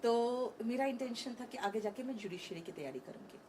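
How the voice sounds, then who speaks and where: A woman's voice: a little high, brisk, mellow, slight background noise. A woman in her thirties, an online English teacher, talking frankly and animatedly in an interview on a conference stage, mixing Hindi with English.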